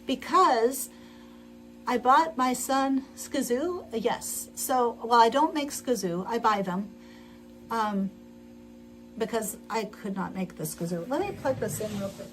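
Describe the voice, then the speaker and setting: Sewing at home on a livestream, a middle-aged host chats and rambles, often starting over and laughing as she works. She speaks slowly in a fairly high voice, and the audio quality is poor.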